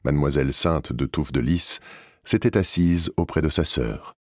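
A man narrating a classic novel in a calm, measured reading. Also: a bass voice, no room sound, clean studio sound. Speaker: audiobook narrator. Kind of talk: scripted narration.

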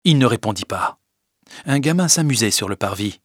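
A man narrating a classic novel as an audiobook, measured and expressive, dropping softer on the speech tags. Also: mid-range voice, dry recording, studio quality.

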